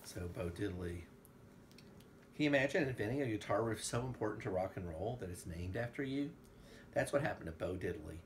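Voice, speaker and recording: A man with a lowish voice reads aloud to his young daughter as an enthusiastic, playful father, with lively intonation and a fairly quick pace. He slips between storytelling and casual asides and sometimes bursts into song. It's a noisy home recording with room ambience.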